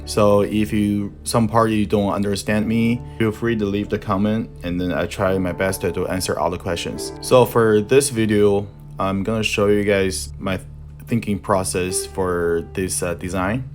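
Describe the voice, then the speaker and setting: In a voice-over set to soft background music, a young man with a Chinese accent explains his tattoo design process. A native Mandarin speaker who works as a tattoo artist and art instructor, he pauses to hunt for words in his second language, his lowish voice staying steady.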